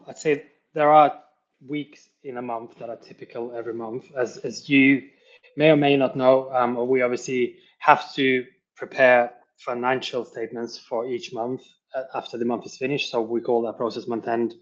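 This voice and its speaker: A man in his forties from Lithuania, a finance professional answering interview questions in a halting way, full of fillers and restarts. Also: medium pitch, little pitch movement. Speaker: financial controller, webinar guest. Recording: dull lo-fi audio.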